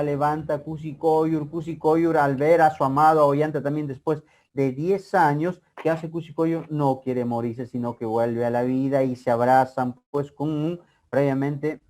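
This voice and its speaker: A man's voice: on the high side, darkish tone. A male literature teacher with a Peruvian accent, retelling a story with rhetorical questions. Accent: Peruvian Spanish. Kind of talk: storytelling lesson.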